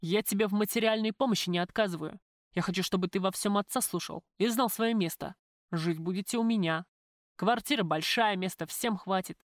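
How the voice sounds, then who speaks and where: A domineering middle-aged father barks orders and scolds his grown son, as a woman narrator reads him out. The delivery is gruff and commanding, close and dry with no room sound. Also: mid-range voice, brisk, no echo, close to an everyday voice. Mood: mocking, bossy.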